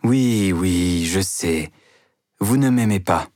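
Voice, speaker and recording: A man's voice: low voice, slow, a little mellow, no echo, clean studio sound. A man voicing a timid, lovesick young salesman who pleads sadly.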